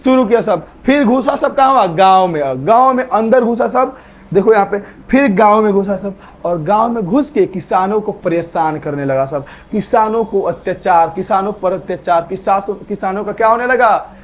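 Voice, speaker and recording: A man's voice: sits high, moderate pace. A man teaching an online exam-prep history lesson, who keeps asking questions and answering them himself. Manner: asks viewers to like and subscribe.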